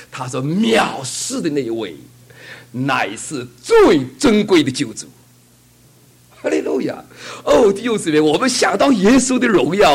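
A man's voice: sits high, breathy edge. A man preaching a fervent sermon and telling a testimony, asking the congregation rhetorical questions.

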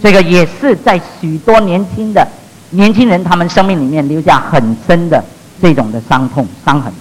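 A middle-aged man preaching a sermon as a pastor, telling stories and swinging between loud emphasis and hushed asides. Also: a little high, moderate pace, rough recording.

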